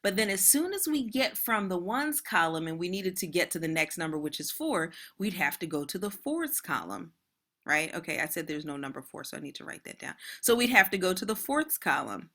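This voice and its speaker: A woman's voice: on the low side, big pitch swings, brisk, a bit bright. A woman math teacher giving an online lesson in a casual, chatty way, talking straight to her students.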